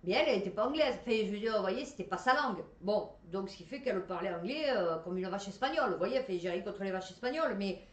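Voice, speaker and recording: A woman's voice: medium pitch, expressive, fast, few pauses, roomy sound, recorded from a distance. A woman with a Marseille accent reads science headlines and chats about them casually, with many fillers and restarts. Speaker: host reading science news. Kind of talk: casual commentary on news articles.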